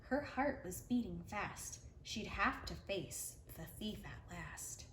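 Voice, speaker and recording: Slow and expressive, this woman's medium-pitched voice has a somewhat bright quality as she reads a rhyming picture book for preschoolers. She works as a read-aloud storyteller for young children. Faint noise and a roomy sound fill the recording.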